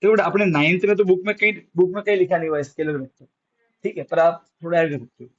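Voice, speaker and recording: A man teaching physics to a class, with a fairly high voice. He keeps asking questions, then answers them himself in a coaxing way. The classroom recording sounds dull and lo-fi. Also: fast talker. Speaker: science teacher.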